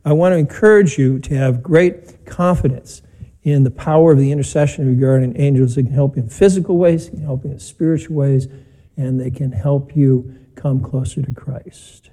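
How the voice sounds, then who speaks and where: Male priest at a pulpit microphone, mellow and warm, measured, plain-spoken. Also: medium pitch, steady tone, poor audio. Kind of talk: homily and spoken Mass prayers. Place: church during a broadcast Mass.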